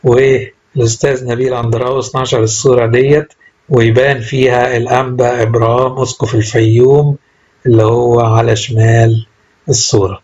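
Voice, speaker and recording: Husky-voiced Egyptian storyteller man. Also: medium pitch, a little mellow. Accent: Egyptian Arabic. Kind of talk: reading a religious story aloud.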